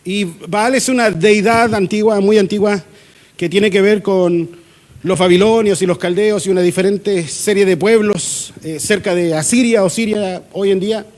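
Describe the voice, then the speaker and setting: A Chilean man preaching to his congregation in a fairly high voice. He keeps it conversational, slipping into short acted-out exchanges and light jokes as a pastor. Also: steady tone, normal speed, darkish tone. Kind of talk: sermon. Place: church.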